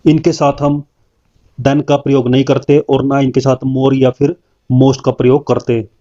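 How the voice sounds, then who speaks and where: A man teaching a grammar lesson, reading word lists slowly and then explaining each rule. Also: mid-range voice, little pitch movement, mellow. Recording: dull lo-fi sound.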